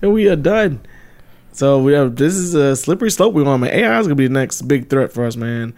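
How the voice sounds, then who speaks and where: Male podcast co-host, casual and animated storyteller who laughs easily. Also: medium pitch, a little fast. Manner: laughs often, retells stories with animated voices.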